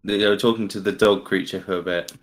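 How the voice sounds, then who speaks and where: A man's voice: fairly low pitch, steady tone, fast. A man, a podcast co-host chatting casually, who adds wry remarks and corrections while reviewing an episode.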